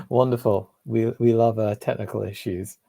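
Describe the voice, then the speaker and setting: A man asking a question over a video call, halting and full of fillers. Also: lowish voice, sing-song, vocal fry, mellow, slightly rough, dry recording.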